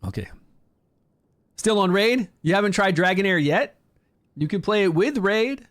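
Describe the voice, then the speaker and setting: A man's voice: high-pitched, lively intonation, measured pace, fairly bright tone. A man casually commenting during a game livestream, chatting with viewers and greeting them by name. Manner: upbeat, promotes the game.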